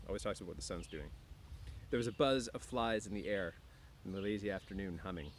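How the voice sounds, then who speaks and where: The man's voice is low and fast as he casually talks with students and reads them a book in an outdoor spot near woods. He has an easygoing teacher's delivery with frequent throat clearing, and outdoor background noise is plainly heard.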